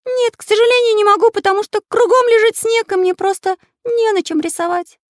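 A woman's voice: fairly even intonation, fairly quick, no echo, studio quality. A woman voicing a boyish, anxious male magic pencil artist in an audiobook, crying out shrilly. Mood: alarmed. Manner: shrill, panicky cries. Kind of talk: audiobook role reading.

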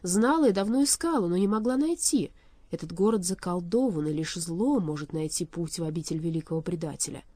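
A woman voicing a calm, wise good sorceress who speaks in a firm, measured way. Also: on the low side, no room sound. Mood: serious.

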